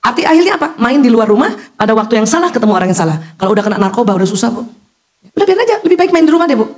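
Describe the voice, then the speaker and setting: A middle-aged woman doctor giving a lively parenting lecture, acting out calls and talking straight to the mothers listening. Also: on the high side, very fast. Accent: Indonesian. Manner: animated, acts out calls and quotes, talks directly to mothers in the audience.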